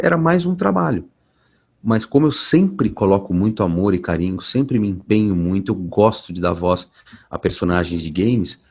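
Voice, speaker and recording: A male voice actor with a low, husky voice is a guest in a casual interview, recorded at home at night. He tells stories in a relaxed way with many restarts.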